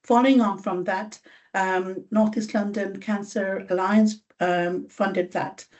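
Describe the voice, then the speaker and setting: A woman's voice: mid-range voice, fairly even intonation, slow, darkish tone, muffled recording. A woman from Bangladesh presenting her organisation's work at a meeting over a video call. She speaks with many fillers and restarts. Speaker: charity staff presenter.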